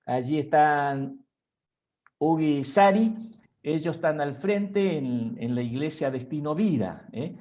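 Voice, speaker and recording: Slow, halting man introducing speakers. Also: on the high side, animated, a little mellow, muffled recording. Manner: halting, with frequent tag questions. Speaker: pastor. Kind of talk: introducing speakers at a church conference.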